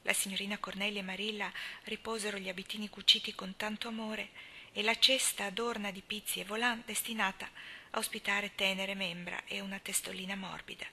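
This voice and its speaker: A woman reading a novel aloud as an audiobook, in a soft, hushed narration. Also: mid-range voice, little pitch movement, a little fast, breathy edge. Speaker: audiobook reader. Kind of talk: scripted narration.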